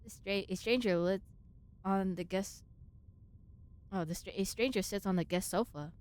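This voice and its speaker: A woman's voice: mid-range voice, normal speed, a little mellow. A woman streaming a game, reading its text aloud and reacting casually.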